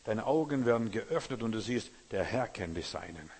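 A man's voice: lowish voice, animated, normal speed, darkish tone, slightly rough. A man preaching a sermon with fervour, speaking straight to his listener and repeating his phrases for emphasis. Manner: fervent, addresses listener directly, repeats phrases. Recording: long hall reverb.

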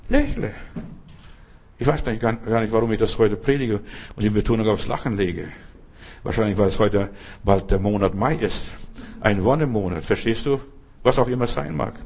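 A man preaching a sermon in a lively, folksy way, often asking his listeners if they follow. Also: medium pitch. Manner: lively, folksy, asks "verstehst du?".

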